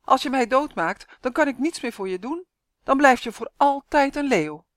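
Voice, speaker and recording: A woman's voice: a little high, sing-song, brisk, dry recording, clean studio sound, voice pushed up. A woman doing a scheming, nervous professor. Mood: coaxing. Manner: coaxing, anxious.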